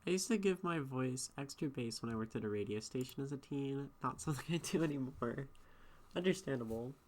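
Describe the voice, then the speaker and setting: A woman with a rumbling low, darkish voice speaks fairly quickly with lively intonation. She's a streamer and poetry critic, chatting casually as she reads and answers her chat, rambling thoughtfully and often restarting.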